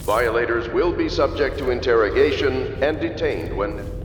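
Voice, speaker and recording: An actor playing a stern male city announcer, giving formal orders over a public loudspeaker like a megaphone. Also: medium pitch, lively intonation, moderate pace, recorded from a distance, slight background noise. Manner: formal, commanding official announcements. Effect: public loudspeaker broadcast, like a megaphone. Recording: echoey street loudspeaker with long reverb.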